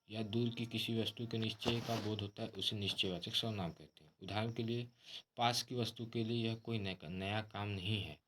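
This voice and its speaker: A man, teaching a grammar lesson in a steady, explanatory way. He calls the listeners friends as he works through definitions and examples. A faint hiss runs under the recording. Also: lowish voice.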